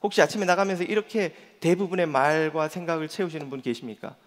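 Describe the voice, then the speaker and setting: A man's voice: a little high, fast talker. A male pastor preaching a Sunday sermon in earnest, putting rhetorical questions to the congregation. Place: church sanctuary. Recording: long church reverb.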